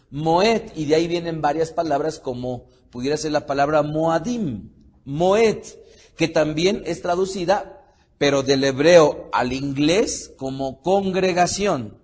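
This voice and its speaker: A man's voice: a little high, darkish tone. Man teaching a Bible study. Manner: addresses listeners as beloved, leads repetition of words, frequent restarts; pauses to spell and pronounce Hebrew words carefully.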